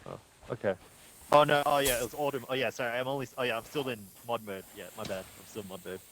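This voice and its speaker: A man's voice: medium pitch, steady tone, fast talker, a bit bright. A man chatting casually as a co-op player, giving directions and often repeating his phrases. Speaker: co-op player and stream moderator. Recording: noisy voice chat with clicks.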